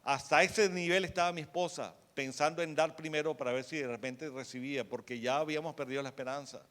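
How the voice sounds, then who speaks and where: A man preaching a sermon as pastor of a church, sharing a testimony, swinging from soft to loud. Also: on the high side, fairly even intonation, quick pace. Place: church in Miami.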